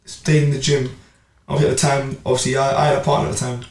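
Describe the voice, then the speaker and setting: Young man, flat delivery, podcast guest heard off-mic in a roomy space with faint hiss. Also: medium pitch, quick pace, far from the mic, crowd noise. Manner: animated storytelling with street slang. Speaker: amateur boxer and club player. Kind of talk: casual podcast chat.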